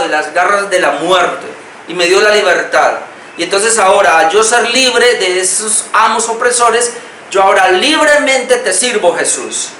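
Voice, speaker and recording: Bright-voiced Colombian man preaching. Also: sits high. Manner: explanatory, repeats key phrases. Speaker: pastor. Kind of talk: sermon. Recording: roomy, distant mic, faint noise.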